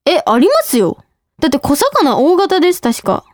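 A woman's voice: high-pitched, big pitch swings, moderate pace, no echo, clean studio sound. A young woman hosting a radio show, reading listener mail and chatting casually, bubbly and often breaking into giggles.

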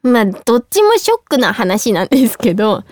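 A young woman hosting a radio show in a studio, talking fast and excitedly in a casual chat. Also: on the high side. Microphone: studio microphone.

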